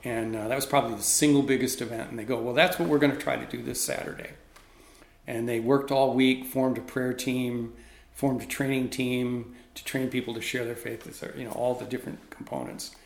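A man's voice: mid-range voice, brisk. A middle-aged man, a ministry leader, telling a story in conversation and acting out the dialogue. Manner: animated, reenacts dialogue. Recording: roomy echoey room.

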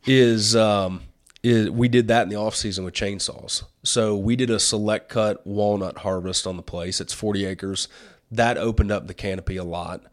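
A man hosting a casual chat, explaining things in a folksy, plain-spoken way. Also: lowish voice. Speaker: host and turkey conservationist.

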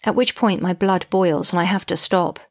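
A woman with a slightly low voice reads her own diary-style account aloud. She sounds indignant and exasperated, with a dry, wry edge as she narrates. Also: steady tone, moderate pace. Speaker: podcast narrator, mother.

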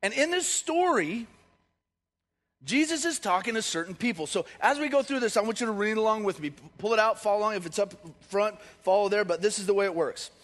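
A man's voice: sits high, animated, brisk, fairly bright tone. A man preaching a sermon as pastor, telling stories in a joking, conversational way. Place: church hall. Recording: long hall reverb.

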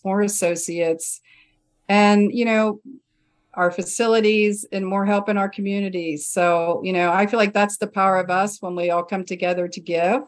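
A woman speaking as an interview guest in a conversational way, earnest and enthusiastic. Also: fairly low pitch. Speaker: guest, charity foundation representative.

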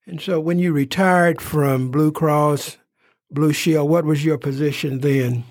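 A man's voice: on the high side, fairly even intonation, no echo, clean studio sound. A man hosting a local interview program, speaking with frequent "uh" fillers. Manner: warm, filler-heavy, unhurried. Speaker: host. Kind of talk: interview talk show.

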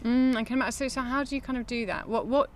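A young woman hosting a podcast interview, asking gentle, curious questions outdoors. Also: on the high side, fairly even intonation, racing. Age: young adult. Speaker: podcast host. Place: garden outdoors by a pond.

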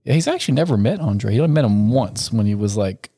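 A man's voice: lowish voice, lively intonation, quick pace, warm tone, breathy edge. A young man in casual podcast chat, loose and profane, laughing often as he talks. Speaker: podcast co-host.

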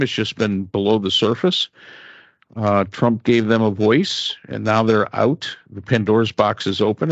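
Low-voiced man, dry muffled sound. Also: no echo. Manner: animated, retells stories with rising emphasis. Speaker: podcast co-host. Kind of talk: casual political chat.

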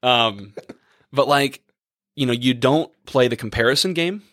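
Man, young adult, priest, hoarse, rambling chat, dry close mic. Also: mid-range voice, a little slow, fairly bright tone, no room sound. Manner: rambling, thinking aloud with many fillers. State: losing his voice. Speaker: priest and podcast co-host. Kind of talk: casual chat, reading letters aloud.

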